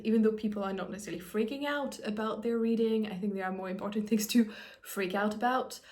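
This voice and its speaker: This is a woman, a native French speaker, hosting a casual book vlog. She talks in a chatty, friendly way, dropping in plenty of ums. Her voice sits at an ordinary middle pitch. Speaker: book vlogger. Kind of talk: casual reading-update vlog.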